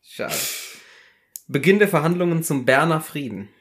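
A man's voice: a little high, expressive, fairly bright tone. A man hosting a casual podcast, playfully reading out a list and chatting to distract his co-host. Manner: playful, deliberately distracting with counting. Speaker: podcast host running a memory game.

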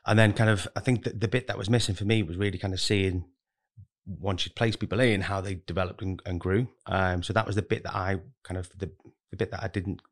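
His voice sits low, with fairly even intonation and a brisk pace. As a podcast guest who works as a recruitment manager, he explains himself in casual interview talk, rambling and peppering everything with "kind of" and "really."

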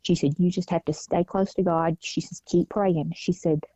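A woman talks through a personal story in an easy interview, slipping into the voices of people she quotes. Her voice sits low and mellow. The recording is dull and lo-fi, with a dry, close sound. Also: steady tone, moderate pace, dry recording. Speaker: guest, mother. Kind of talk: casual interview talk.

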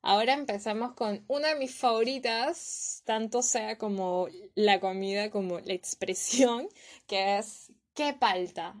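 A woman's voice: on the high side, steady tone, a little slow. A young woman from Peru with a Peruvian Spanish accent, teaching slang in a playful, casual vlog style and repeating each word to drill it.

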